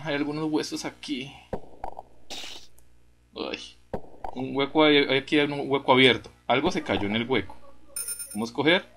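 Excitable young man groaning through a game. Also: mid-range voice, slight background noise. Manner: excitable, groaning exclamations, reads game text aloud. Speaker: gameplay video host. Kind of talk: casual let's-play commentary.

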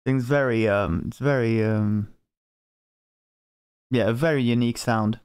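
Music reaction host, male, Swedish accent, clear tone, casual and candid. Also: medium pitch, darkish tone. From Sweden. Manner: frank, unhurried opinions.

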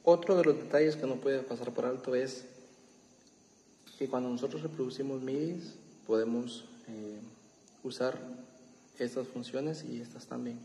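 Gravelly man explaining a keyboard, halting. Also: mid-range voice, slight background noise, low-quality recording. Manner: halting, lots of fillers and restarts, explains step by step. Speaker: keyboard tutorial host. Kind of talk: casual demo tutorial. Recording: loud keyboard music behind.

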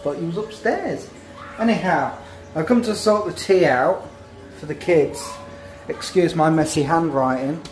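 A man with a fairly high, slightly slow and mellow voice vlogs casually about feeding his kids, rambling in an easygoing way. He's in a small home kitchen and living room, holding his phone at arm's length, with faint music behind him and a rough recording quality.

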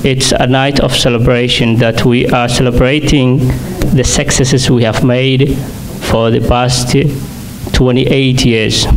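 Halting Somali-accented young man at a podium. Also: mid-range voice, low-quality recording. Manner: halting, many restarts and fillers. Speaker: award guest speaker. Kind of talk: prepared speech at a podium. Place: banquet hall stage. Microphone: podium microphone.

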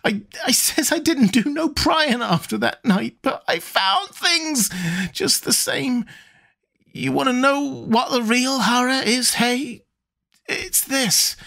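A man voicing a terrified, raving old drunkard who shouts shrilly in rustic dialect. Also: extremely high pitch, slow, creaky, pitched above the performer's own voice, full character voice. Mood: frantic.

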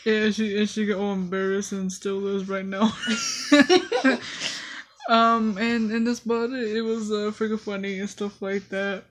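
A young adult woman telling a casual story to camera in a halting, meandering way, as a vlogger. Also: mid-range voice, flat delivery, slight background noise. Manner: halting, meandering, with frequent throat clearing and pauses. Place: small indoor room at home.

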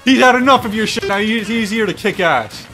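A man giving excited, casual video game commentary, exclaiming and swearing freely as he plays. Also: high voice, fairly quick, music in the background. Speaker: gaming streamer.

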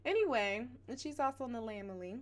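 A woman's voice: fairly high pitch, lively intonation, fast. A woman hosting a reaction vlog, chatting playfully and animatedly straight to her viewers. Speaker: reaction channel host.

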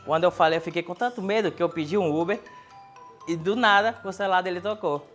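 High-voiced man telling a comic story. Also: quick pace, faint music behind. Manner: animated, building comic tension. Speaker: stand-up comedy contestant. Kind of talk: stand-up storytelling. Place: TV studio.

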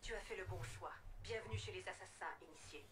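A woman's voice: fairly low pitch, brisk, background noise, natural voice. An actress voicing an earnest female rebel recruiter in dubbed game dialogue, persuasive and direct. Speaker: game character.

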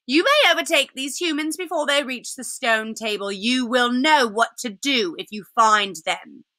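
A woman's voice: a little high, a little slow, sharp tone, no echo, voice pushed up. A woman reading aloud, voicing a cold, imperious witch queen who gives clipped, cruel orders in a raised voice. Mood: commanding.

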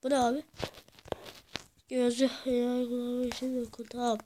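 A woman giving rowdy gameplay commentary, cursing and yelling at the game as she plays. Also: a little high, completely flat delivery, normal speed, a little hiss or hum. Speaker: gamer.

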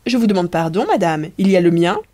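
A woman's voice: fairly low pitch, animated, quick pace, darkish tone. A woman reading the part of a proud society wife who declaims in a lofty, emphatic way.

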